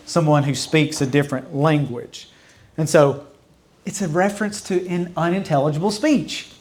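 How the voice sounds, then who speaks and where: A fairly high-voiced man teaching a church Bible study as its pastor. He talks in a loose, conversational way, circling back to repeat his points and adding asides. At times he drops into babbling imitations that fade away. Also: darkish tone. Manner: conversational, explains with repetition and asides; mimics mocking babble with fading repeats.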